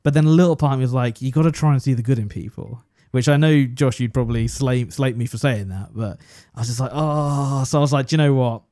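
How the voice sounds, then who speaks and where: This young English podcast co-host talks fast with few pauses, his mid-pitched voice mellow as he casually recounts a story. Chatty and self-deprecating, he performs both halves of the conversation, and the studio-quality audio has no echo.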